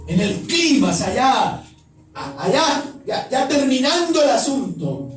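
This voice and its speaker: A man's voice: extremely high pitch, big pitch swings, slow pace. A man preaching a sermon as pastor, emphatic and putting questions straight to his congregation. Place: church. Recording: echoey hall, distant mic, music behind.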